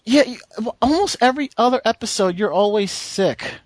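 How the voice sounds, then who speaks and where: A man's voice: high-pitched, lively intonation, brisk, no echo. A man hosting a podcast in casual banter, opinionated and given to emphatic repetition. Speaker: podcast host. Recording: music playing behind the voice.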